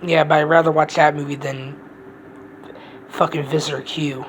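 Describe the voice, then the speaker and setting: A woman's voice: deep voice, flat delivery, normal speed, noisy background. A woman giving a casual, rambling movie review, blunt and profane, often restarting her sentences.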